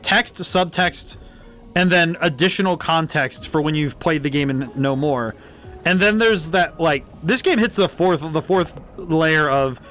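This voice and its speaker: A man's voice: fairly high pitch, fairly bright tone. A man giving casual live game commentary as a streamer, enthusiastic and thinking aloud. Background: game music.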